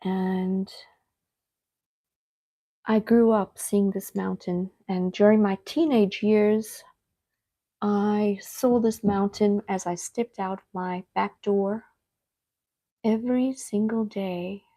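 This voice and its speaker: Slow, husky woman. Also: medium pitch, fairly even intonation, mellow. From Cape Town, South Africa. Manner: chatty, speaks straight to viewers, unhurried. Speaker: artist hosting a live painting stream. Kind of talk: casual live-stream chat while painting. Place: home art studio.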